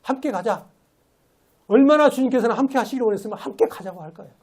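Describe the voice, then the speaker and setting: A man's voice: extremely high pitch, expressive, fast, breathy edge. A man giving a sermon as a lay preacher in a church, talking in a conversational way and asking rhetorical questions. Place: church sanctuary.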